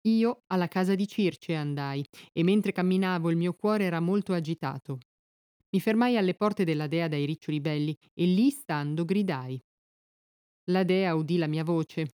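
A woman narrator reading epic poetry aloud in a measured, steady, formal manner. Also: lowish voice, no room sound, clean studio sound.

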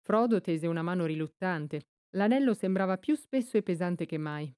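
A woman narrating an audiobook in a measured, even storytelling manner. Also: fairly low pitch, smooth, no room sound, clean studio sound.

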